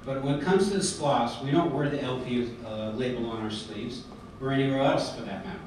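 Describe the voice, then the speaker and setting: At a podium in a large indoor hotel conference hall, a middle-aged American convention speaker delivers an earnest prepared speech in a medium pitch, frequently pausing on fillers and restarting. His podium mic is captured by a distant camera, so the recording sounds echoey and far off, with background noise.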